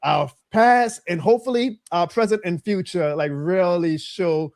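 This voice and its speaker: A man's voice: sits high, no echo, clean studio sound. A man from New Orleans, chatting with enthusiasm as a sports podcast co-host. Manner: enthusiastic, fast and animated. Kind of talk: casual sports podcast chat.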